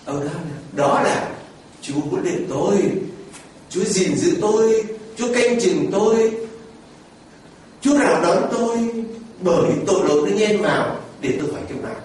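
A man's voice: sits high, lively intonation, normal speed, darkish tone, far from the mic, slight background noise. A man preaching a sermon to his congregation, quizzing listeners and mimicking people as he talks. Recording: echoey church picked up from afar.

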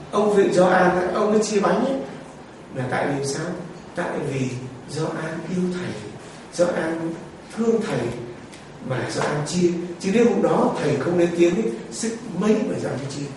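A man preaching a storytelling sermon, lively and animated, acting out characters and laughing along. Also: sits high, normal speed, slight background noise. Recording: echoey room from far off with faint ambience.

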